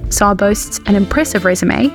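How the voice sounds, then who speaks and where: A woman's voice: medium pitch, normal speed, faint music behind. Polished woman podcast host. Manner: polished, reads from script. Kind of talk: scripted intro then interview.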